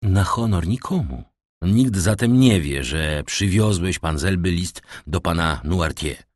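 A male reader lends his voice to a troubled crown prosecutor, low and grave, clipped in his commands. He sounds secretive and anxious under the authority. The storybook reading is close and dry. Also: animated, measured pace, a little mellow, no room sound. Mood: tense. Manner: stern, secretive, barking orders then pleading.

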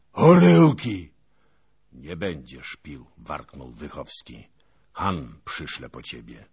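A man narrating a historical novel as an audiobook, with a dramatic, expressive reading. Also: very deep voice, husky.

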